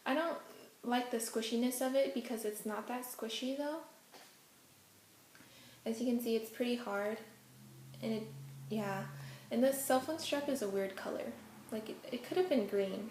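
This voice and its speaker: The audio is poor, reverberant and a bit hissy as a young Hokkien-speaking vlogger chats through a Q&A at home, face out of frame. She has a fairly high, darkish voice, a moderate pace and frequent pauses, with plenty of ums and giggles.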